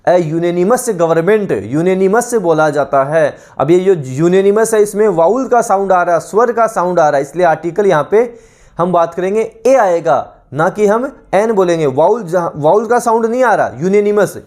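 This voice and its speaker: A teacher giving an exam-prep vocabulary lesson, reading each English definition out slowly, then repeating the answer word again and again with explanations. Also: medium pitch, darkish tone. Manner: explains in Hindi mixed with English terms.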